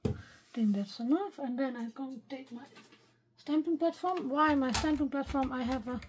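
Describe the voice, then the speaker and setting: A woman talking quietly through her card making at a craft desk, thinking aloud and often half-whispering. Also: high-pitched, moderate pace, a little hiss or hum. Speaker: craft video maker.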